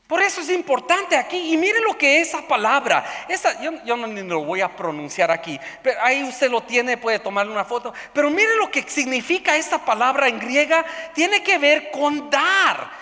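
Man preaching, lively, bright, echoing hall. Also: moderate pace, hardly any pauses. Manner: swings between loud emphatic outbursts and hushed low passages; repeats words while searching. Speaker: pastor. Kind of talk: sermon. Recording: long reverb of a large hall.

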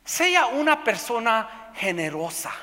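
A man preaches in a church sanctuary, his bright voice rising to loud emphatic peaks and sinking into hushed stretches. He often repeats words as he searches for the next thought. The sound carries a long hall reverb. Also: sing-song, slow. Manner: swings between loud emphatic outbursts and hushed low passages. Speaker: pastor. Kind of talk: sermon.

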